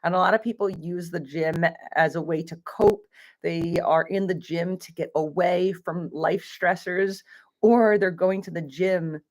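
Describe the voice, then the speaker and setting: A woman hosts a casual live stream with her business partner, chatting warmly and greeting viewers one by one. Her voice sits a little low, and her aligners give her words a slight lisp. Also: steady tone, measured pace. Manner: chatty, laughs often, greets viewers by name. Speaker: co-owner and live stream host.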